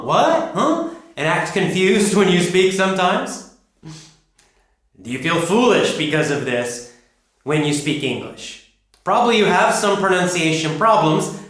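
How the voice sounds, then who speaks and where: A man's voice: fairly high pitch, a bit bright. Echoey American man teaching pronunciation. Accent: General American. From United States. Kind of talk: recorded course lesson. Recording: very echoey room.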